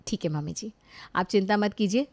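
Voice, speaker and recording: A woman's voice: medium pitch, brisk, natural voice. Woman doing a sweet, obliging young daughter-in-law. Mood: polite. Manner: soft, polite, agreeable.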